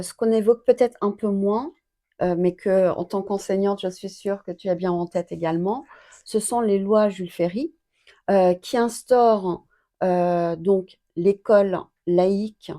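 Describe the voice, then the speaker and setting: A woman in her fifties from Iran, answering interview questions in a hesitant way, with frequent filler pauses. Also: medium pitch, dark tone. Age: 50s. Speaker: guest, activist.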